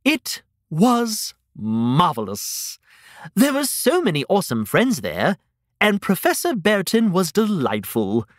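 An excitable hedgehog art student from a children's storybook podcast, acted out by a man. The delivery is grand and dramatic, with key words stretched out and pitch swinging wildly. The recording is close and dry. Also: slow, no room sound, full character voice. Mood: gushing. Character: excitable, theatrical male hedgehog, earnest young art student.

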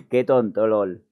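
A man's voice: lowish voice, warm tone. A man giving sarcastic voice-over commentary, mocking and scolding. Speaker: gaming youtuber.

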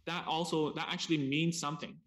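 A man with a slightly higher voice gives a seminar over a video call. He speaks in short explanatory chunks and pauses for an interpreter, adding casual asides as he goes. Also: steady tone, fairly bright tone. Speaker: speech therapist presenter.

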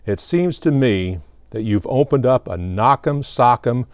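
A patient schoolteacher lady from a children's storybook, as a male reader puts her on. Her voice sits noticeably higher than a plain speaking voice, in a clear, dry read-aloud sound. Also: lively intonation, a little slow, no echo. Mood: questioning. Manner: storybook character voice, raised pitch. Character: female teacher, adult, patient.

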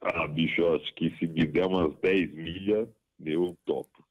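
A man's voice: low-pitched, fairly even intonation, unhurried, dull audio. A man in his fifties talking over the phone, blunt and swearing freely as he refuses. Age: 50s. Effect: heard over the phone. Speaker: prank call target. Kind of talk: casual phone chat.

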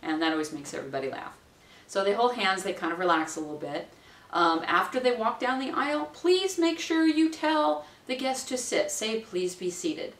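A very animated woman in her forties, mid-range in pitch and talking at normal speed, is a wedding minister giving practical, chatty training to camera. She playfully acts out what people say in a bright lilt. The camera mic sits at a distance in a small room at home, so the sound is roomy.

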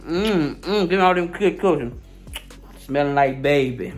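At home filming a relaxed family vlog, a man first speaks in playful baby talk to an infant, then talks straight to his viewers. His voice is slightly high, expressive and unhurried, over faint background music.

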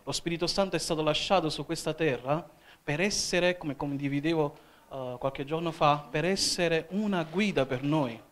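A man's voice: fairly high pitch, moderate pace. A man from Italy leading a church sermon, his voice sitting a little above the usual male range. He keeps checking in with the congregation, asking "Amen?" between his points. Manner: calls out "Amen?" to the congregation often. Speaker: evangelist. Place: church hall.

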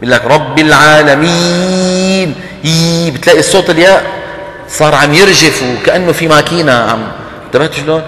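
Man teaching in an echoing hall. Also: fairly high pitch. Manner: lively and teasing, chanting example words slowly. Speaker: Quran recitation teacher. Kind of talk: lecture on tajweed, mixing dialect and formal Arabic. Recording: roomy hall with long echo, faint hum.

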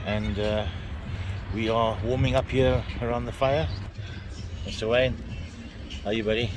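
A man's voice: mid-range voice, fairly even intonation, a little slow, over music. A man with a South African accent, chatting casually in a vlog at a fishing competition, friendly and dropping Afrikaans words. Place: outdoors at a fishing camp.

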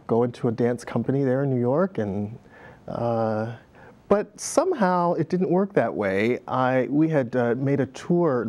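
A relaxed, middle-aged man with a medium-pitched voice tells stories as a guest on a TV studio set. He's a dance director in a conversational interview, reflective and quick to laugh, with plenty of fillers.

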